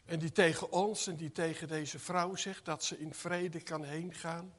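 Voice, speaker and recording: A man's voice: on the high side, steady tone, unhurried, fairly bright tone. A man preaching an earnest sermon that builds to emphatic peaks, addressing his congregation in church.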